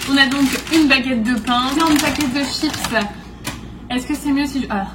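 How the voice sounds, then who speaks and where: A woman's voice: high-pitched, steady tone, moderate pace, roomy sound, distant mic, noisy background. A woman from France chatting casually to her phone camera as she unpacks her groceries. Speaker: vlogger. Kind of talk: casual vlog chat.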